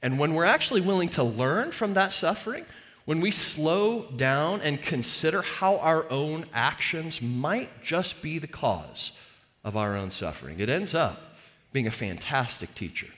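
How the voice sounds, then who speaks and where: A man's voice: fairly high pitch, big pitch swings, a little slow, a bit bright, in a large hall. A male pastor giving a sermon in an earnest, conversational way, speaking to a church congregation. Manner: earnest, conversational preaching with varied emphasis. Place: church sanctuary.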